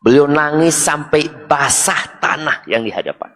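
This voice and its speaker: A man's voice: a little high, lively intonation, measured pace, a bit bright, long reverb tail. A man preaching a sermon. He recites Arabic phrases, explains them, and asks his listeners questions. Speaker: Islamic preacher.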